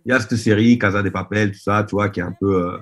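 A man's voice: lowish voice, steady tone, fast talker, fairly bright tone, soft background music. A man, a DJ guest telling a story in casual interview talk on a video call, rambling with many hesitations. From Marseille, France. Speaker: DJ and producer guest. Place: dim room at home. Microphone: video call webcam.

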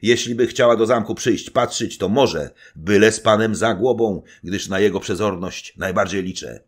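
Steady little knight, calm and curt, close to the reader's own husky voice, read by a man. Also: lowish voice, normal speed, voice pushed up, natural voice. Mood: commanding.

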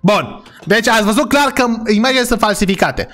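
High-voiced young man narrating gameplay. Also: animated, bright, forceful tone. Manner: talks to viewers, jumps into sudden high-pitched shrieks of surprise. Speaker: gaming YouTuber. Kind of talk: role-play gameplay commentary.

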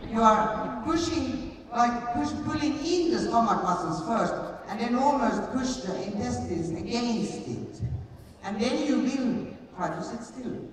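Teaching at a live riding clinic inside a big indoor arena, this middle-aged woman explains and demonstrates hands-on, repeating brief commands. She speaks unhurriedly with a fairly high, lively voice, and a crowd can be heard. A distant audience camera picks her up, giving very echoey audio with background noise.

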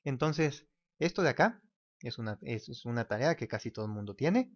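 A man's voice: mid-range voice, sing-song, moderate pace. Male teacher, casual sketch-as-you-go explainer, muffled lo-fi audio. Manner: casual, talks while drawing, mimics ticking clock. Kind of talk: whiteboard explainer lesson. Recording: dull lo-fi recording.

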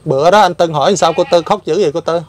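A male interviewer with a somewhat high voice. He asks his questions gently and patiently and repeats them when they are not heard. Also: rapid-fire. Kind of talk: casual interview.

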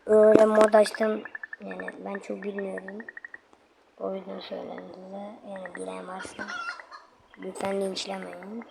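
A woman's voice: medium pitch, little pitch movement, measured pace, gravelly, background noise. A woman giving casual gameplay commentary, chatting to her viewers and bursting out in frustration when she fails. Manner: chatty, addresses viewers constantly, loud frustrated outbursts. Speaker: gaming video host.

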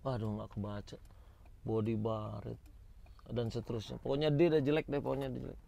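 A man's voice: mid-range voice, steady tone, a little fast, vocal fry, mellow, dull audio. A man gives informal, exclamatory walk-around commentary as a vlog host, addressing viewers directly. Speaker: host of a used car auction vlog. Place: outdoors in a car lot.

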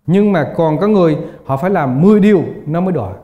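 A man's voice: on the high side, lively intonation, fast, dark tone. Older male Buddhist teacher, echoey lecture. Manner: asks the class rhetorical questions and laughs while telling stories. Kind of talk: dharma lecture. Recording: echoey, dull lo-fi hall recording.

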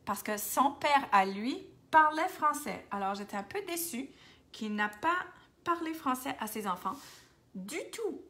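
A makeup seller from New Brunswick, Canada, hosts a Facebook live, chatting casually in Acadian-accented French as she responds to viewers' comments, now and then switching into English. Her voice is high, animated, unhurried, and a bit bright. Occasionally she drops to near-whispers.

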